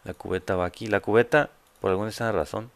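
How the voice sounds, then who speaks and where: A man's voice: fairly low pitch, steady tone, fast, gravelly. A man with a Mexican accent giving casual, joking let's play commentary full of crude slang. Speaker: gamer host.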